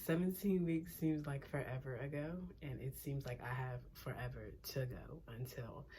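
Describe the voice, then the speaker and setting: A woman's voice: a bass voice, normal speed, dark tone. A young adult woman who is pregnant, chatting casually and rambling in a vlog, a little short of breath, sometimes dropping to a near whisper. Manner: chatty, rambling, laughs often, drops to a near whisper at times. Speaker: pregnancy vlogger.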